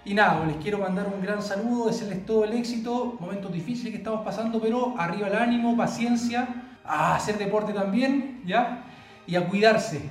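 A man's voice: high voice, a little fast, faint music behind. A Chilean man with a Chilean accent recording an upbeat, encouraging greeting at home. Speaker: former student sending greetings. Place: his home. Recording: roomy, distant from the mic.

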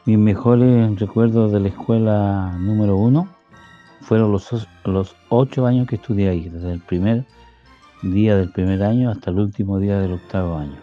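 Deep-voiced older man. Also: normal speed. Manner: earnest, heartfelt. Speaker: former pupil. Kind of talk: recorded testimonial. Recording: dull lo-fi sound with faint music.

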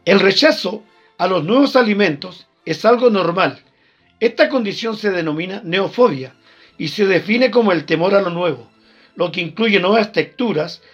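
A man, a teacher reading scripted health advice as a voice-over in an even, informative way. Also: high-pitched, breathy edge. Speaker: teacher giving health tips. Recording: dull lo-fi sound with faint music.

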